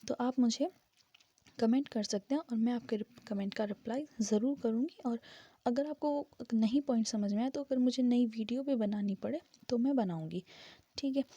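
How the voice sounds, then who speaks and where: A woman giving a casual spoken grammar lesson, explaining step by step and slowly spelling out syllables. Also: a little high, warm tone, husky, no echo, muffled recording. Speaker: English grammar teacher.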